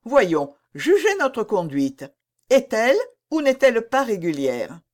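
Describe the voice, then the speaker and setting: A woman reading the lines of a coy, charming young princess in a soft, coaxing voice. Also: a little high, huge pitch swings, measured pace, pitched above the performer's own voice.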